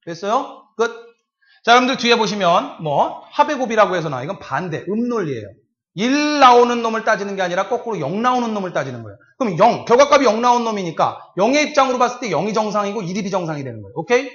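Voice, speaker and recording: Lively, high-voiced man teaching a class. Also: dull audio. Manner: talks to the class with frequent check-ins and drawn-out step-by-step recitation. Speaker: lecturer. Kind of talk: recorded exam-prep lecture.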